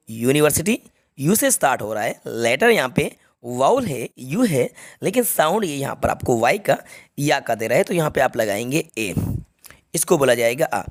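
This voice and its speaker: A young man teaching an English grammar lesson to students, explaining step by step and checking that they follow. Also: fairly high pitch. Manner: explains step by step, repeats key points, checks students understand.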